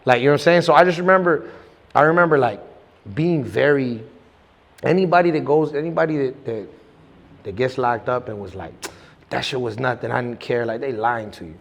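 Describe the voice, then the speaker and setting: Heard in a big-room sound, a young man's gravelly, mid-range voice moves fairly quickly as he recounts his story as a guest in a casual interview. He rambles with plenty of slang and restarts, peppered with "you know what I'm saying."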